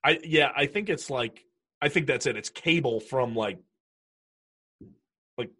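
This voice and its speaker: A man's voice: mid-range voice, a little slow, fairly bright tone. A man casually chatting through a movie commentary, cracking jokes and laughing often. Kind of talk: casual movie watch-along chat.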